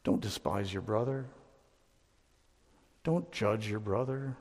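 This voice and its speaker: Male pastor preaching, emphatic and mellow, church hall echo. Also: lowish voice, slow. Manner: emphatic, rising to loud peaks. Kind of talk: sermon. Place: church sanctuary.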